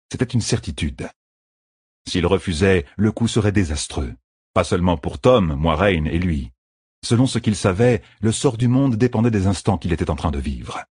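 A man reading an audiobook in a measured, even way, as scripted narration. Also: low voice, slightly rough, no echo, studio quality.

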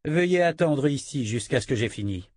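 A man's voice: mid-range voice, lively intonation, moderate pace, darkish tone, dry recording, studio quality, natural voice. Man reading as a cold bossy noblewoman, short and icy. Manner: curt, icy. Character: cold commanding noblewoman, young.

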